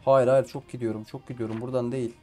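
Fast-talking and nearly flat in pitch, this medium-voiced man has a dark tone, with soft music playing underneath. He streams a survival game, giving casual let's play commentary, muttering to himself, talking to the characters, and swearing at the game often in frustration.

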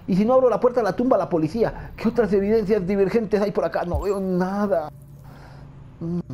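A man's voice: high voice, a little mellow, a little hiss or hum. A man giving frantic let's-play commentary, talking to himself and repeating words. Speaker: gamer.

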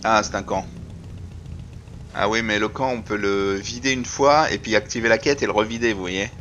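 A man's voice: lowish voice, normal speed, a bit bright, lo-fi sound, slight background noise. A man casually commenting while playing a survival game, muttering and talking to viewers. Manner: chatty, mutters to himself, addresses viewers. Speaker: let's play host.

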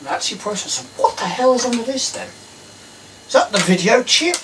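In a small tiled workshop, a distant camera mic records a middle-aged man from England muttering and questioning himself while he tinkers with old electronics. His voice is very high-pitched and expressive, with an English accent and a moderate pace, amid clearly audible clicks and clatter of tools on the bench.

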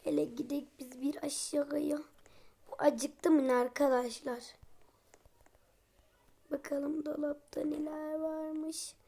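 A woman with a talks to her viewers in a high voice. She sounds chatty and exasperated, and she keeps throwing jokey asides to the people watching. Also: little pitch movement, slow, long pauses, dark tone. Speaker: vlogger. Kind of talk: comedic role-play vlog.

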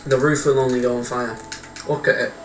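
A man's voice: mid-range voice, little pitch movement, a little fast, a crowd in the background. Hesitant young man, echoey. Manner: hesitant, lots of ums, swears casually. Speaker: gaming co-player. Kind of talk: casual gameplay chat. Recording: echoey, far from mic, noisy.

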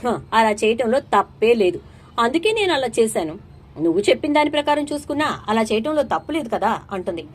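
Woman retelling a serial, higher voice. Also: big pitch swings, brisk. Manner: acts out characters' lines in quoted dialogue. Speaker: serial episode narrator.

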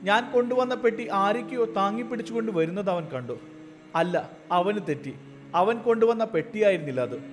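Man, high voice, earnest story narration, faint music underneath. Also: lively intonation, brisk. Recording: soft music behind the voice.

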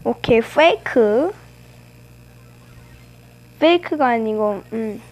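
A woman with a high, light voice talks through a match as she plays, cheerfully teasing her opponents. Her delivery is loose and chatty, like live game commentary on her own channel. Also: lively intonation, slow, a little mellow, rough recording. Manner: playful, teasing trash talk at opponents. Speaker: gaming channel host.

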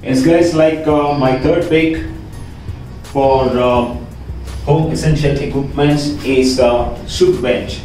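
A man's voice: medium pitch, steady tone, takes it slowly, a little mellow, soft background music. A young man, a fitness trainer presenting home gym picks with many fillers like "guys, like", recorded in a small room. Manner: filler-heavy, says "guys, like". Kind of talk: equipment walkthrough. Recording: echoey room, distant from mic.

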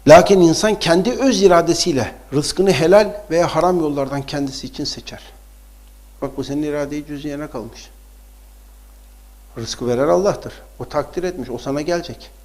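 A man preaching and telling religious stories, acting out the dialogue and swinging from hushed lines to loud outbursts. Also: on the high side, moderate pace. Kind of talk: storytelling sermon.

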